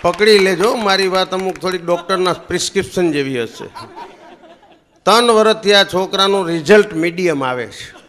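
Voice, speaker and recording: A male comedian, telling a teasing comic story on a live stage, and his pitch and loudness swing widely. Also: moderate pace.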